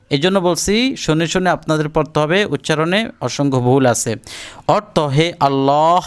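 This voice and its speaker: Smooth-voiced man teaching prayers. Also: fairly high pitch. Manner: drawn-out Arabic recitation for learners to repeat; explains pronunciation rules step by step. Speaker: Islamic teacher. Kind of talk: religious lesson on prayers and pronunciation.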